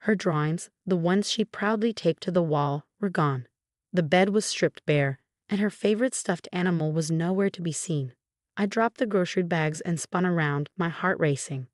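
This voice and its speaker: A woman narrating a first-person story in a steady, even storytelling manner. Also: fairly low pitch, normal speed, no room sound, clean studio sound.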